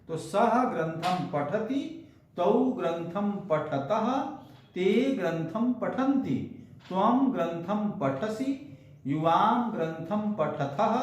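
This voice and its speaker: Slow, high-voiced male Sanskrit teacher. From India. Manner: slow, patient drilling with repeated example sentences. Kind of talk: grammar lesson. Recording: very echoey room.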